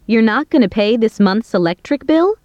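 A young woman in a recorded language-course dialogue, played by a woman, speaking in clear, careful everyday speech. Her voice is a bit high and warm and mellow. The recording is dry and somewhat dull. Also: sing-song, normal speed, no echo. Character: young woman chatting about bills with her roommate.

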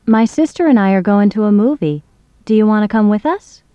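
A woman playing a young friend who invites someone to a movie, in a scripted language-course dialogue, speaking clearly in a friendly way. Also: medium pitch, lively intonation, brisk, dry recording, muffled recording, natural voice.

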